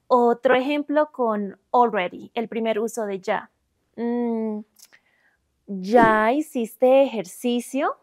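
A young Colombian woman teaching Spanish grammar, giving examples slowly and clearly in Spanish and English. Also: sits high, darkish tone, dry recording, studio quality. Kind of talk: bilingual grammar lesson.

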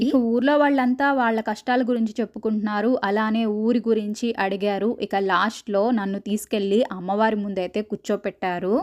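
A woman narrates a first-person horror story at a mid pitch for a woman. Her telling is steady and measured. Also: dull audio.

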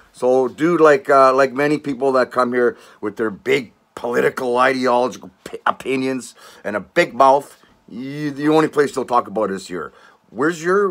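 An older Canadian man hosts his own channel, his voice medium in pitch and a bit bright. He rants at viewers with sarcastic, mocking scorn, rambling, restarting sentences, and tacking on "eh" and "all right."

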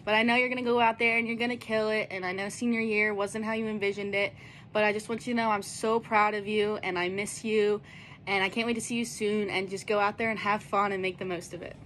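A woman's voice: mid-range voice, level tone, quick pace, fairly bright tone, slight background noise. A woman giving an earnest, encouraging message in long, run-on sentences. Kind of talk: heartfelt recorded video message.

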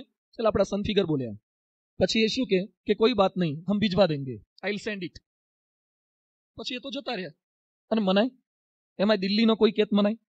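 ઝડપી બોલતા, ઊંચા અવાજના સાધુ. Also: male voice, high voice, no room sound, highs cut off. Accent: Gujarati. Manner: animated storyteller, acts out dialogue. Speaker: monk preacher. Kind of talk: sermon with storytelling.

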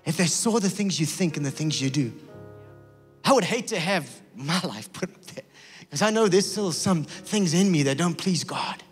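A male pastor preaching a sermon in a church, telling stories and acting out voices with lively energy. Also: high voice, big-room sound. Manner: animated storytelling with acted-out voices. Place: church sanctuary.

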